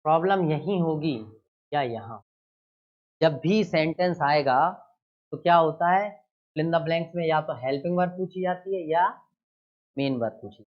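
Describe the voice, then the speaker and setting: Guy teaching grammar for an exam, slow and deliberate, quizzes the class then answers himself, kinda muffled lo-fi sound. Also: fairly high pitch. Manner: asks questions and answers them himself, stresses key words loudly. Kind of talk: exam-prep grammar lesson.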